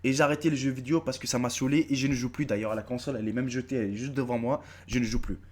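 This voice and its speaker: He talks very fast at a medium pitch: a man in his thirties with a North African French accent who makes YouTube videos. In his casual vlog he looks into the camera, addresses viewers, swears, repeats himself, and stays animated throughout.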